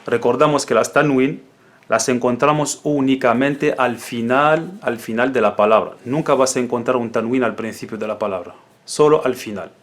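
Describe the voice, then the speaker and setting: A man teaching the Arabic alphabet in a patient, spoken lesson, repeating each syllable slowly and drilling it. His first language is Arabic. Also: mid-range voice.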